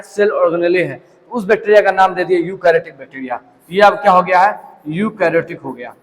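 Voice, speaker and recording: A young man whose voice sits high lectures on biology, narrating a story and answering his own questions as he goes. The audio is poor, with a long reverb tail.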